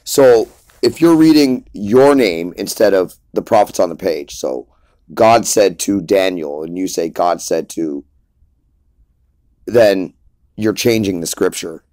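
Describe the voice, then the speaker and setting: A man's voice: low-pitched, slow pace, a little mellow, dry recording. A man preaching informally in an emphatic, lecturing way, often repeating his points.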